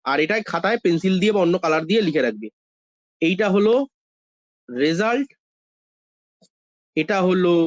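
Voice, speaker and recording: A man's voice: a little high, no echo, lo-fi sound. A man teaching an online maths class, coaxing students and answering his own questions. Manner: coaxing, calls students "baba", asks questions and answers them himself.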